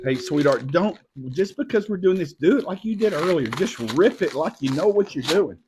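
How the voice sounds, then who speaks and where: A middle-aged man hosting a casual live video at home, playful and teasing with a child, often dropping to a soft hushed voice. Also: high-pitched, animated, moderate pace, noisy background.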